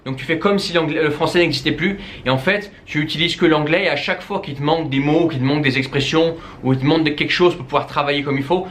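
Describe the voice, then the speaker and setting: Talking fast with few pauses, this man from the Netherlands, a native Dutch speaker, offers informal tips on learning languages directly to the viewer. His voice is fairly high and a bit bright, with many fillers and restarts, over a little hiss or hum.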